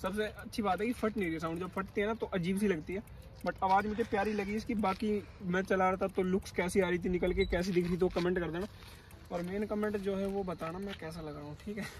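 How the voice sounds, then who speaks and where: A man's voice: high voice, darkish tone. A young man giving a casual, chatty walkthrough of a motorbike for his vlog, talking to viewers and his cameraman outdoors at dusk. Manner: chatty, addresses viewers as bhai, directs cameraman. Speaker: bike vlogger. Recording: faint outdoor street noise.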